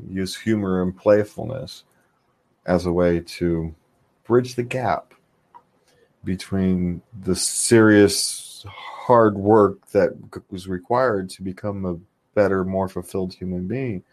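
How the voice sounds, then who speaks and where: A man with a low, darkish voice speaks at a slow pace while co-hosting a casual live stream, joking and laughing a lot before turning thoughtful about self-analysis. He is on camera and controls the board.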